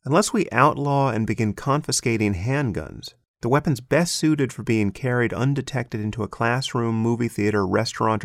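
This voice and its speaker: A man reading an essay aloud in a measured, deliberate way, stepping out now and then for brief spoken asides. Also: lowish voice, vocal fry, dry recording, studio quality. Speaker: essay reader and commentator.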